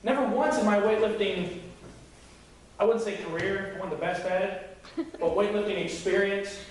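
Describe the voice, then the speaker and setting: A man's voice: high-pitched, normal speed, slight background noise. A young man preaching a conversational, joking sermon as youth pastor, acting out quoted voices. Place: church sanctuary. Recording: echoey room from far off.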